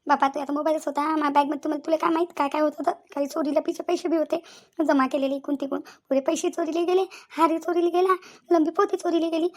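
A woman's voice: high-pitched, level tone. A woman playing a fussy wailing village aunt. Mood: lamenting. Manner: fast, wailing, whiny complaining. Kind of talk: cartoon comedy voice acting.

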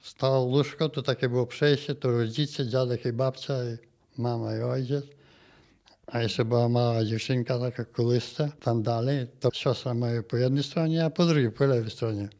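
A man in his eighties from Volhynia, a massacre survivor, recounts his personal testimony in an interview. His telling is plain and halting, and he often ends phrases with a quick tag "nie?". His voice is medium-pitched, steady in tone, and a little mellow.

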